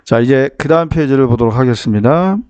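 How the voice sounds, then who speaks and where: A man's voice: medium pitch, fast talker, a little mellow, clean tone, highs cut off. Man teaching a math lesson step by step. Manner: explains step by step, constantly checks in with students. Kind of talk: classroom math lecture.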